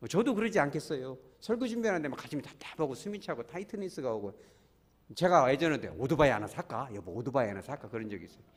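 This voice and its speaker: A man preaching a Sunday sermon as pastor, acting out prayers and little scenes and calling the congregation to join in. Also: a little high. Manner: animated preaching with acted-out quotes and congregation prompts. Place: church sanctuary.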